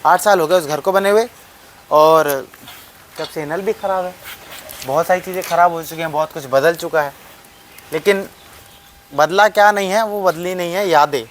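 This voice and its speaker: A man's voice: on the high side, moderate pace, long pauses, a little hiss or hum. A young man vlogging a tour of an old mud house, talking straight to viewers in a rambling way and repeating his phrases, recorded on a phone camera. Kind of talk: casual vlog tour.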